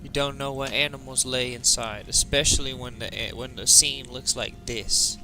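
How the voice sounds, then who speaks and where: A man's voice: medium pitch, steady tone, moderate pace. A tired man casually commenting on his game as he plays, thinking aloud and reading out menu options. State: tired, yawning. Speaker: gaming livestreamer. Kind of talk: casual let's-play commentary. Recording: game music playing behind the voice.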